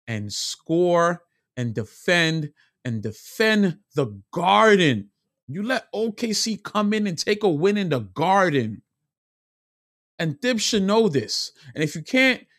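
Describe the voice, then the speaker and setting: Animated frustrated man ranting about sports. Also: fairly high pitch, no echo, clean studio sound. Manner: animated, frustrated, repetitive emphasis. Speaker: sports vlogger. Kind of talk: opinionated sports rant.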